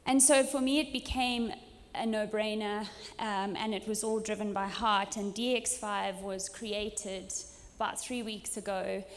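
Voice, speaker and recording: A woman's voice: medium pitch, fairly even intonation, unhurried. A woman from Zimbabwe giving an earnest, emphatic keynote speech at a conference, with some ums. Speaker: conference speaker. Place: conference hall. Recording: hall reverb.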